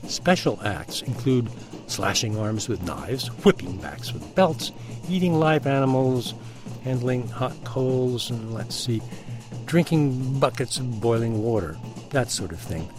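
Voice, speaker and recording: Animated male radio host over music. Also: mid-range voice, unhurried. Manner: dry, wry, conversational. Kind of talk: radio documentary narration.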